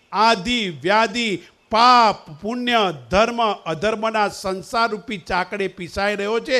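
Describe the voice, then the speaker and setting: A man's voice: sits high, bright, forceful tone. A man giving a devotional sermon at a temple festival, chanting verses in a sing-song way and teasing the audience with questions. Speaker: swami preacher.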